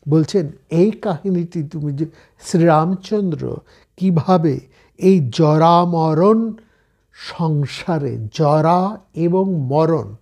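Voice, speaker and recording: A man with a Bengali accent giving a slow, measured scripture discourse, explaining each point step by step. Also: fairly high pitch, darkish tone. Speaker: spiritual speaker.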